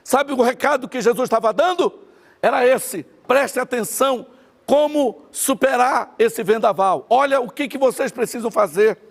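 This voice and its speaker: High-pitched, gravelly preacher man. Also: moderate pace. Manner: emphatic, repeats key phrases. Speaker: pastor. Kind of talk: sermon. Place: church online service.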